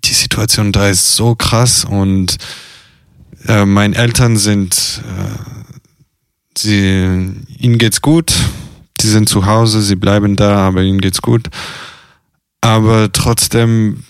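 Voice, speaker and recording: A young man speaks in a low, smooth, resonant voice at a very unhurried pace. He hesitates a lot, filling gaps and restarting sentences. The sound is close and dry. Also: flat delivery, no echo. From half Italian. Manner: slow, hesitant, many fillers and restarts. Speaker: interviewee, circus artist and carer. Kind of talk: casual personal interview.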